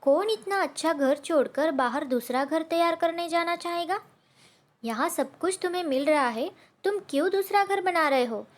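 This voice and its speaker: A woman's voice: very high-pitched, normal speed. Woman doing a bossy, scheming crow wife.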